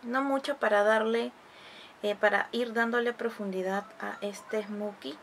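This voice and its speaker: A woman's voice: a little high, fairly even intonation, measured pace, slight background noise. Chatty woman reviewing makeup. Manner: chatty, explanatory, uses many diminutives. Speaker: beauty vlogger.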